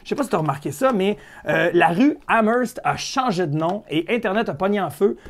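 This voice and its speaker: Joking Quebec French podcast host. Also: male voice, sits high, expressive, a little fast. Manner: joking, irreverent, swears casually; chatty with frequent fillers and restarts. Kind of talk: comedic podcast monologue.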